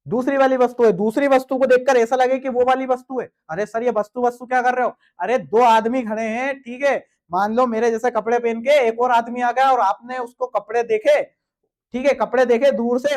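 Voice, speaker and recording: High-voiced man teaching exam lessons. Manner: asks questions and answers them himself, calls students "beta". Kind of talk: Hindi grammar lesson to students.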